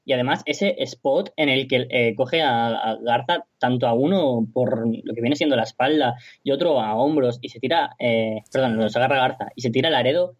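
A man's voice: medium pitch, normal speed, hardly any pauses, no echo. Man giving dry-sounding, opinionated wrestling commentary.

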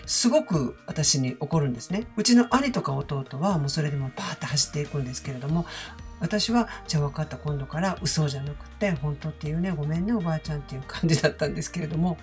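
Host, female, low register, candid chatty storyteller from Osaka, faint music under her. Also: a little mellow. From Osaka, Japan. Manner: candid, chatty, self-deprecating asides. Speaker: channel host. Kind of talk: casual personal storytelling.

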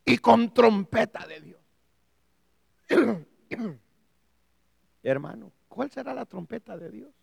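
A male pastor preaching a sermon, swinging from hushed asides to shouts and often addressing listeners as brother. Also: high voice, lively intonation, slow, creaky, pauses often, husky, dry recording, clean studio sound. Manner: keeps calling listeners "hermano".

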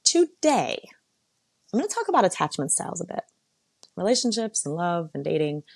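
A woman with a low voice hosts a casual solo talk, candid and conversational with a sarcastic edge. The sound is dry and close, with no room around it. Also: big pitch swings, moderate pace, creaky, husky, no echo. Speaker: podcast host. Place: lives in San Diego.

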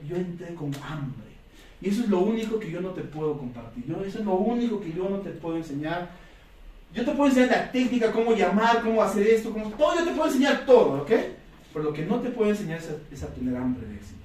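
A motivational speaker for a sales business gives a talk to a sales team in a high, animated, fast voice that's a little mellow, with a bit of hiss or hum. He tells stories and acts out quoted voices, picked up by a distant mic in an echoey room.

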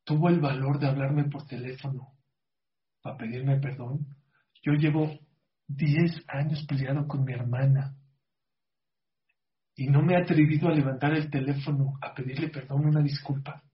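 A man's voice: mid-range voice, fairly even intonation, normal speed, pauses often. A middle-aged man tells a moral story as a religious speaker, earnestly questioning his audience. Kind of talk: storytelling sermon. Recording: slightly muffled lo-fi audio.

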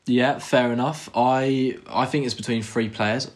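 A man's voice: medium pitch, steady tone, measured pace. A man chatting casually, giving matter-of-fact football predictions as a pundit.

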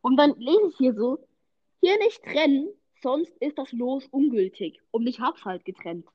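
A woman hosting a casual podcast, talking excitably with loud outbursts, slang and swearing. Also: high voice, measured pace, no room sound, highs cut off. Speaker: podcast host. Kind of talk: casual chat while opening in-game rewards.

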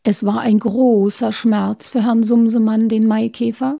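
Warm, gravelly woman reading a tale. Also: a little high, unhurried. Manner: expressive, sometimes dropping to a whisper. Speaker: storyteller. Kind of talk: storybook reading aloud.

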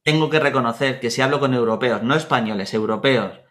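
Spanish man, mid-pitched, casual storyteller who acts out dialogue. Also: a little fast. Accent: Spanish from Spain. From Spain, Murcia. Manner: animated anecdotes, acts out dialogue.

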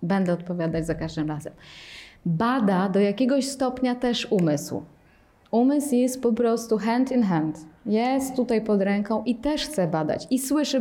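Animated woman meditation teacher, mellow tone. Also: fairly high pitch. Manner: animated, acts out panicked inner voices. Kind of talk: workshop teaching.

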